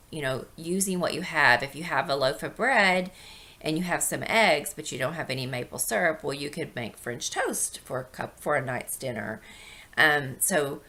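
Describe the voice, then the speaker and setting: A middle-aged woman with a hoarse, wheezy voice from a chest infection, talking in a casual, rambling, explanatory vlog style. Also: low voice, bright, forceful tone. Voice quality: wheezy, breathy intake from asthma. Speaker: video blogger.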